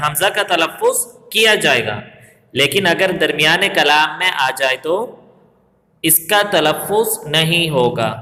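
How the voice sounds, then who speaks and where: A man with a Pakistani Urdu accent teaches a grammar lesson to camera. His voice sits fairly high and sounds bright and forceful. He asks and answers his own questions and slows down for recited examples, and his voice rings with a long echo in the room. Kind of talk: recorded video lesson. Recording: echoey room with long reverb.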